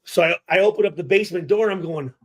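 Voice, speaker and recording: Here a podcast guest, middle-aged and fairly high-pitched, spins a casual, profanity-laden story with plenty of animation. He stops and restarts, repeats himself, and acts out the exchanges.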